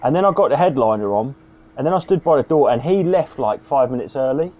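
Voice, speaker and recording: Animated comedian on a call. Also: male voice, mid-range voice, quick pace. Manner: animated, sweary, rambling. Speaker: stand-up comedian, podcast co-host. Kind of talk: casual storytelling. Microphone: video call. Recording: dull lo-fi video call audio.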